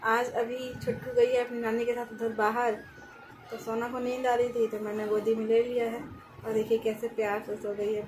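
A woman's voice: on the high side, background noise. Young woman chatting in a home vlog. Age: young adult. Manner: chatty, walking and showing around the house. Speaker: vlogger. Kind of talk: casual vlog narration.

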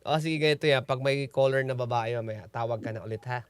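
A man's voice: mid-range voice, quick pace, clean tone, no room sound. A man hosting a call-in radio show, teasing callers and laughing often. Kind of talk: playful call-in radio banter. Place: radio studio.

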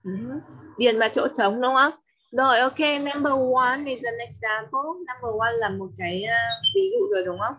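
A woman's voice: on the high side, fairly even intonation, normal speed, pushed and bright, a little hiss or hum. A woman from Vietnam with a Vietnamese accent, teaching English to a child over a video call, switching between English and Vietnamese and coaxing answers with patient questions. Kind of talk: online lesson for a child.

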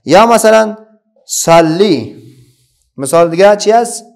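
A middle-aged man's high-pitched, animated voice, gravelly with a darkish tone, carries an Afghan Dari accent as he teaches children to read. He patiently asks questions, then answers them himself.

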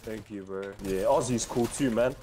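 A man's voice: lowish voice, moderate pace, dark tone, soft background music. A man with a New Zealand accent in casual voice chat with gaming teammates, laid-back and saying bro a lot. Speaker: random squad teammate.

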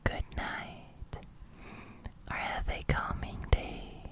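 This is a young adult ASMR host whispering calmly for a roleplay, her lips close to a big studio microphone. The breathy, crackly whisper drifts into gentle speech, unhurried and comforting.

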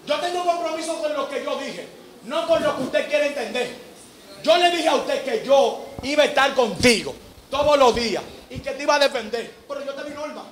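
A man's voice: extremely high pitch, normal speed, reverberant, slight background noise. A preacher voicing God as a stern, commanding male figure who scolds and lectures in a hard street tone. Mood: lecturing.

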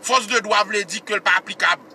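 A Haitian-accented man delivers heated political commentary in a high, sharply forceful voice. He hammers his points through repetition and keeps asking whether you understand. Faint noise sits behind him. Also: quick pace. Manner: repeats phrases and asks rhetorical questions; mimics others in a raised, mocking pitch. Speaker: political commentator, show host.

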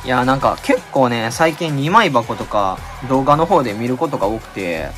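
A man with a Kansai accent chatting casually as he opens card packs, reading out each card and crying out in excitement at good pulls. His voice has been a little out of shape lately. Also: medium pitch, normal speed, faint music behind. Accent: Kansai Japanese. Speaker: channel host. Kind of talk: casual card-pack opening commentary.

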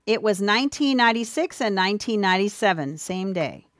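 A woman giving an earnest, sermon-style Bible teaching, speaking warmly to listeners as dear ones, with a few ums and restarts. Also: medium pitch, lively intonation, a little fast, dry recording, clean studio sound. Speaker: presenter of a church teaching.

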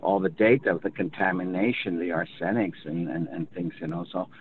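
A man's voice: low-pitched, fairly even intonation, a little fast. Older man on a phone line. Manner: explains at length, with many restarts. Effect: heard over the phone. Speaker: industry representative in a webinar. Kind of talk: unscripted webinar discussion. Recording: tinny phone line, faint noise.

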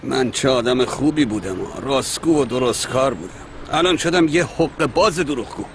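A man's voice: medium pitch, expressive, a little hiss or hum, natural voice. A man dubbing a guilty young man who mutters to himself about his lies. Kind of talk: Persian dub of a TV series.

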